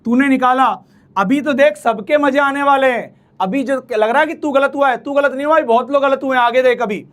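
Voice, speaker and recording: A man's voice: very high-pitched, fairly quick, a bit bright. A man teaching physics in an online exam-prep lecture, coaxing and familiar, repeating key phrases and speaking.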